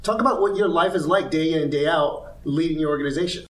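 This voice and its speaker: A man hosts an interview podcast in a fairly high voice. He sounds upbeat and emphatic, and he stretches out his introductions and questions. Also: quick pace, a bit bright. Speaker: podcast host. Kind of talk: interview hosting.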